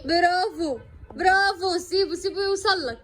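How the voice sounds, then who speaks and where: A woman's voice: very high-pitched, normal speed, music in the background. A young Egyptian mother at home, coaxing her baby in a sing-song, laughing way while she films. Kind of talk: home video chat with her children. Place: at home near the kitchen.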